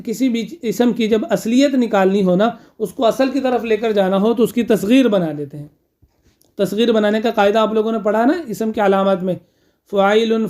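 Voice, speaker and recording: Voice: medium pitch, darkish tone. A grammar teacher lecturing a class, repeating key terms, posing questions and answering them, with frequent checking fillers.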